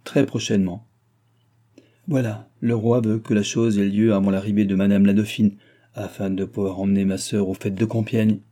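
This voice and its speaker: An excitable, scheming nobleman, as a male narrator plays him, theatrical and insinuating, jumping up in pitch. The voice underneath stays dark and mellow, like a storybook reading. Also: moderate pace, natural voice.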